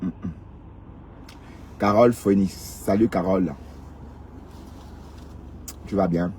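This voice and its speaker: A man's voice: low voice, takes it slowly. Teasing man live-streaming from a noisy street. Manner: teasing, joking, repeats words and tags with "hein". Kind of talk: casual live-stream chat to viewers. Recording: outdoor mic with loud street noise. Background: passing cars and street noise.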